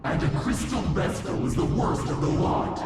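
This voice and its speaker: A woman voicing a treacherous fairy turned demonic villain in a game cutscene, her voice run through a voice-changer distortion filter and spoken with slow, scornful theatrics. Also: on the low side, animated. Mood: gloating. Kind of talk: video game cutscene dialogue. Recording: game audio, echoey and distant over loud music. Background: loud game music.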